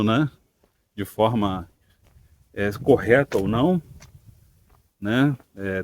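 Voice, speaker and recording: A man's voice: medium pitch, a little hiss or hum. A man with a Brazilian Portuguese accent hosting a channel, musing aloud to viewers with many "né" and "tá" fillers and frequent questions. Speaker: channel host. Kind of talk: casual opinion monologue to camera.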